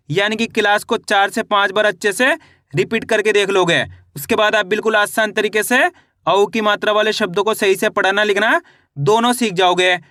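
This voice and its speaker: A man teaching a Hindi reading lesson, his voice high-pitched and smooth. He sounds out every word slowly and deliberately, syllable by syllable, then says it again. The recording is dry and close, with no room echo. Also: pushed and bright. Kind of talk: online lesson, spelling words out syllable by syllable.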